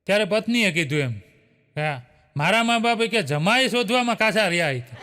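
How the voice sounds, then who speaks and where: A man rattles off short jokes in a high, bright voice. He chuckles often as he goes and tags his lines with a filler. His voice rings with a long hall reverb. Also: expressive, normal speed. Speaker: joke teller. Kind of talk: telling a string of short jokes.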